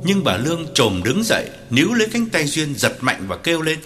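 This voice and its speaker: A man narrating an audiobook in scripted narration with an expressive delivery. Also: fairly high pitch, brisk, faint music behind.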